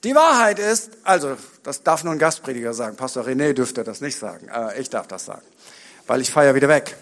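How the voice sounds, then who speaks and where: A man's voice: medium pitch, big pitch swings, fairly quick, fairly bright tone. A man preaching a sermon as guest preacher, building up repeated rhetorical lines and dropping in joking asides, recorded in a church.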